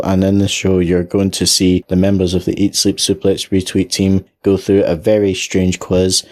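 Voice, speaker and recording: Man, promo presenter, deep voice, scripted podcast advert. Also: a little mellow.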